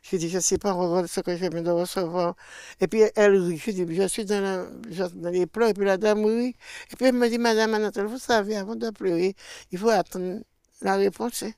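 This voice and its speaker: A woman's voice: medium pitch, a little fast, smooth, no room sound, clean studio sound. Older Martinican woman telling her testimony. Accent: Martinican French. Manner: animated, acts out quoted dialogue with swings in loudness. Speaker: guest sharing a faith testimony. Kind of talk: personal testimony storytelling.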